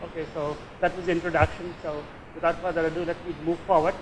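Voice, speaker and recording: Older man, Tamil Indian accent, higher-pitched voice. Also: flat delivery, fast talker, noisy background. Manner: conversational, often tags phrases with "eh?" or "yeah?". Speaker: guest lecturer, nuclear engineering professor. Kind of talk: informal public lecture.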